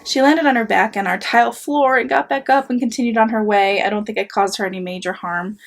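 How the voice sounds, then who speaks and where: Woman, husky unpolished tone, gleeful reading aloud, amused, casual wry asides. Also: a little high, brisk. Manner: wry, sweary, conversational asides. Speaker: host reading listeners' anonymous confessions aloud.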